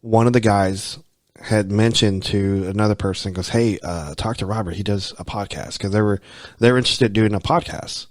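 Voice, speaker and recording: An American man hosts a podcast, talking casually and rambling, often repeating himself and saying "you know." His voice is fairly low-pitched and steady in tone, at a normal speed.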